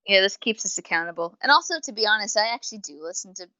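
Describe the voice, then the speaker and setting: A woman co-hosts a podcast, chatting casually and explaining her opinions in long, wordy, unscripted sentences during a review conversation. Her medium-pitched voice is expressive, fast and sharp, and the microphone sounds slightly dull and lo-fi.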